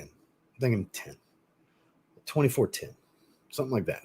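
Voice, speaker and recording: A man hosting a live stream in a casual, rambling way, blunt and cursing now and then, often restarting and repeating himself. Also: mid-range voice. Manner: rambling and blunt, with mild swearing. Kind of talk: casual live chat commentary.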